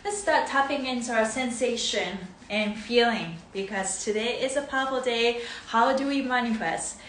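This live-streamed movement class is run by a woman in her thirties from Japan, a native Japanese speaker, who greets everyone with bubbly sing-song warmth and frequent laughter. Her voice is fairly high and fairly bright at a normal speed. She's recorded by phone in her living room, first nearby and then from across an echoey room with faint noise.

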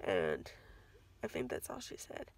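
A woman's voice: unhurried, no room sound. A woman in her thirties giving a casual, rambling vlog update into a phone held at arm's length. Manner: chatty, rambling, self-correcting. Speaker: vlogger. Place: home kitchen, then parked car.

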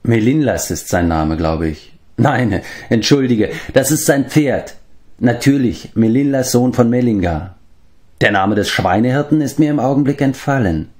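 A man voicing a wise, grave old man who watches over the animals, in a measured, stately storybook manner. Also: mid-range voice, expressive, a little mellow, pitched above the performer's own voice, natural voice. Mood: kindly.

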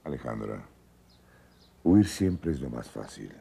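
A man's voice: a bass voice, big pitch swings, takes it slowly, creaky, mellow, slightly rough, full character voice. An actor playing a stern, bitter older father who swears revenge. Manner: stern, brooding.

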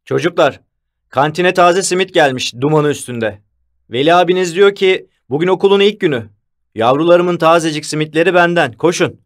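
A man voicing a cheerful, self-assured male school vice principal who speaks calmly and firmly, in an audiobook. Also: fairly high pitch, a little fast, close to an everyday voice. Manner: calm and firm, then warmly commanding. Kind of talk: audiobook character voice.

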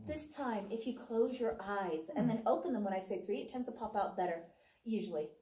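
A woman's voice: mid-range voice, brisk, warm tone. A woman working as a tour guide, talking playfully and chattily to a group in an echoing cave. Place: underground cave room. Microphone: visitor's phone at a distance. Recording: echoing cave, distant mic, faint noise.

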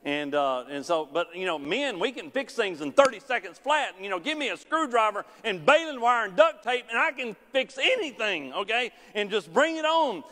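In a large church sanctuary, a middle-aged male pastor paces the stage, preaching in a sing-song voice at a moderate pace with few pauses. Wide swings in pitch and loudness mark his delivery, echoed by the hall's long reverb.

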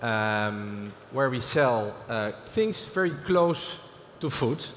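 A middle-aged keynote speaker with a Dutch accent gives a business talk from a large stage, his delivery halting, with frequent pauses, fillers and restarted phrases. His mid-range voice is animated and fairly bright, echoing with long reverb through a big hall over a faint murmur and slight background noise.

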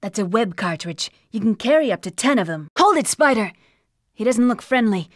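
A confident female cat burglar in a video game, with an American accent. Her voice sits fairly high and is recorded close and dry. She speaks with urgent, theatrical familiarity, like an ally to a hero. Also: animated, moderate pace, no room sound. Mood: urgent, helpful. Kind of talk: acted video game character lines.

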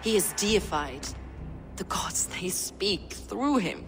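A woman's voice: on the low side, expressive, a little slow, big-room sound, noisy background. An actress playing a mocking, sinister zealot woman in a video game, speaking with theatrical, mock-polite menace. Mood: hushed reverence, contempt. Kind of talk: video game dramatic acting.

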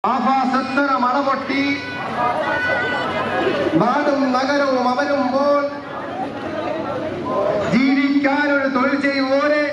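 A man chants protest slogans in a high, flat, slow cadence, each line rising over the din. He is outdoors on a street, with heavy echo, loud traffic noise and a crowd all around him. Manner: rhythmic call-and-response chanting.

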